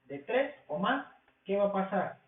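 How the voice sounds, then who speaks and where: A man teaching a language class, explaining rules slowly and asking questions that he answers himself. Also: high voice, big pitch swings. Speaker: English teacher. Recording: tinny, echoey, from far off the mic.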